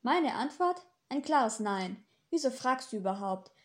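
A woman voicing a gentle, earnest male angel in an audiobook, polite and easily hurt. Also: a little high, expressive, unhurried. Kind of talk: audiobook dialogue.

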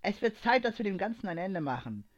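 A man's voice: high voice, expressive, brisk, darkish tone. A man voicing a tough, wounded young woman fighter in a story reading, tired but determined. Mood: fierce. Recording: dull lo-fi recording.

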